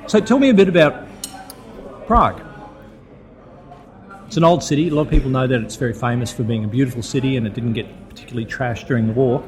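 A man hosts a podcast interview at an ordinary pitch for a man. He asks questions and offers his own views in a relaxed, conversational way. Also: fast, pauses often, faint music behind. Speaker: podcast host. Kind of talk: casual interview talk.

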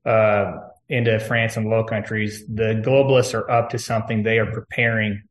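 Male interview guest, lowish voice, long-winded and urgent conspiracy-minded political talk, roomy echoing sound. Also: flat delivery, moderate pace. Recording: echoey room.

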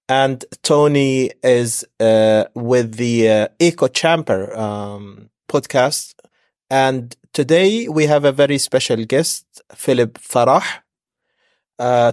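Measured podcast host, dry sound. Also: male voice, medium pitch, a little mellow, dry recording. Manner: measured, with frequent fillers. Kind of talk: podcast introduction and chat.

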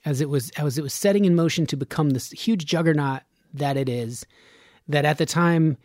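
Male podcast host, casual and rambling, laughs a lot, fairly high voice, dry studio sound. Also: moderate pace, a little mellow, no echo. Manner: rambling, chatty, laughs often.

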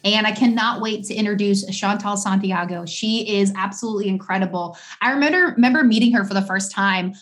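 A woman's voice: medium pitch, a little fast, hardly any pauses. A woman hosting a podcast interview, talking in a bubbly, enthusiastic way. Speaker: podcast host.

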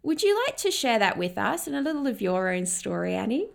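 A woman of medium pitch hosts an interview. She talks informally and effusively, as if chatting with a new friend. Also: big pitch swings, fairly quick, gravelly. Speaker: podcast host, interviewer. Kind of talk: conversational interview hosting.

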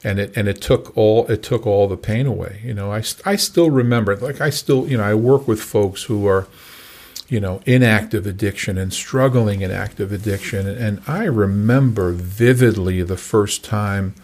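Older man, recovery coach guest, low voice, halting delivery with lots of restarts. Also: darkish tone. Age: 60s. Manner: halting, many fillers and restarts. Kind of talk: casual conversation.

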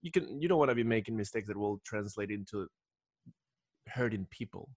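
A man from Ecuador, a podcast guest, tells stories casually and ramblingly, restarting again and again. His voice sits on the low side, with lively intonation and a fairly quick pace. The studio-quality sound has no room sound.

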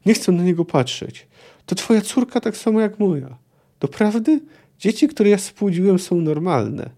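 A man's voice: high-pitched, sing-song, moderate pace, mellow, voice pushed up, full character voice. A man voicing a cruel father who speaks harshly and with contempt. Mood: contemptuous. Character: cruel contemptuous father rejecting his daughter.

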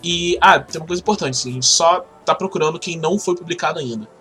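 A man with a Brazilian Portuguese accent talks casually as an interview guest, explaining things in a halting, informal way. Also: a little high, sharp tone, soft background music. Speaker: podcast guest, game project organizer.

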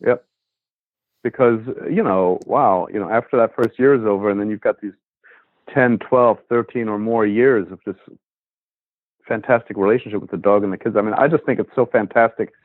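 A man's voice: fairly low pitch, moderate pace, no echo. A man who trains dogs, talking casually on a podcast, rambling with many fillers. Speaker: dog trainer and podcast host. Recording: tinny phone line.

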